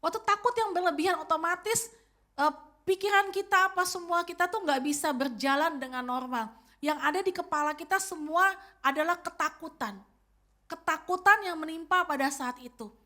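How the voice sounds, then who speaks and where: High-pitched lady pastor, 50s, preaching, talking right to the congregation. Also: normal speed, bright, forceful tone. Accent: Indonesian. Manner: storytelling preacher addressing the congregation directly. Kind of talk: sermon.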